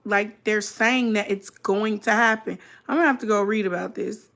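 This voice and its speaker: A woman's voice: mid-range voice, fairly even intonation, moderate pace, a bit bright. A woman chatting casually and informally as a live-streamer, reacting to a video and talking directly to her viewers. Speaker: streamer hosting a reaction mukbang.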